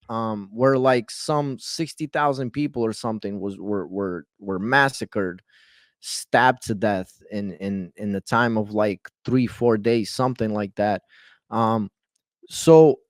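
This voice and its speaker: A man's voice: mid-range voice, dry recording, studio quality. A man from Western Ukraine hosting a casual conversation, asking direct questions and repeating words as he starts.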